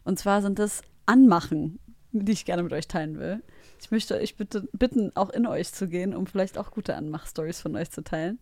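A woman in a casual podcast chat, telling lively stories in slangy everyday talk. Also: mid-range voice, normal speed, no room sound.

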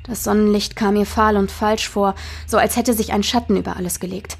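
A woman's voice: mid-range voice, steady tone, a little fast, creaky, breathy edge, faint music behind. A woman narrating a dramatic audiobook in a tense storytelling manner.

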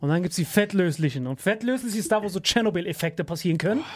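Schnell erzählender Mann mit viel Slang. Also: male voice, sits high, quick pace. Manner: animated storyteller with slang. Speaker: podcast host. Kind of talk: casual podcast chat.

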